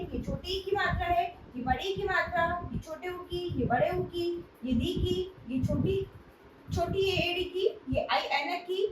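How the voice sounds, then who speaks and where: Woman teacher, very high voice, patient step-by-step explainer; distant mic in an echoey room with loud noise. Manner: explains step by step, often checks in with "thik hai". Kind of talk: classroom grammar lesson.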